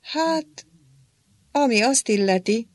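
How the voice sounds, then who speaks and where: A narrator voicing a blunt, gruff old male war hero who booms and grumbles in an audiobook. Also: expressive, no room sound, natural voice. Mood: booming.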